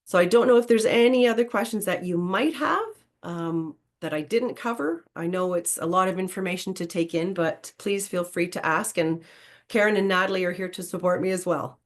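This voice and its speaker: A woman's voice: fairly low pitch, moderate pace. A woman, giving an informal explanatory presentation as a program presenter.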